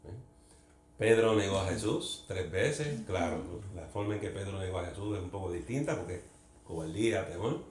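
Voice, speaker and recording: A man's voice: deep voice, expressive, normal speed, slight background noise. A man leading a Bible study in a conversational teaching style, earnest, asking the group questions and slipping English words into his talk. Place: church meeting room. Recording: echoey room with faint ambience.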